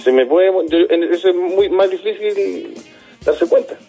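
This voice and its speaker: A man, a dismissed youth care worker, answering in a radio interview in an earnest, halting way, often repeating words. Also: high-pitched, warm tone, faint music behind.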